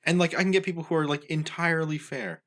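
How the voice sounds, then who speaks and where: A man's voice: on the high side, fast, fairly bright tone. A young man co-hosting a podcast, talking casually and bluntly in a laid-back way. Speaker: podcast co-host. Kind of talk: casual chat.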